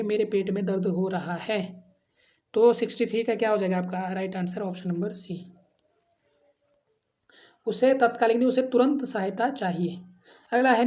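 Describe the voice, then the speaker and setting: A woman's voice: fairly high pitch, darkish tone, highs cut off. Woman teacher drilling Hindi grammar questions. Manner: addresses students as friends, asks and answers quiz questions; drills answers, repeating option letters. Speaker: exam prep teacher. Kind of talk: Hindi grammar exam lesson.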